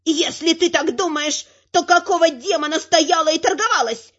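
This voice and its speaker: Lady voicing a rude little troll guard, grating high voice, lo-fi. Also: moderate pace. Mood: indignant. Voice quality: nasty grating voice. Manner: rude and shouting. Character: small rude male troll gate guard. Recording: slightly dull lo-fi sound.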